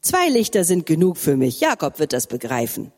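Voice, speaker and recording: A woman voicing a kind shepherd boy of about eight, speaking high and gently. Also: huge pitch swings, moderate pace, long reverb tail, full character voice.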